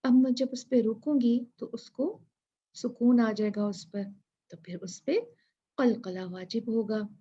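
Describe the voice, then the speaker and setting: A woman's voice: on the high side, measured pace, mellow, husky, muffled recording. A woman teaching Quran recitation rules, patiently repeating each letter and word to demonstrate. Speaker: tajweed teacher.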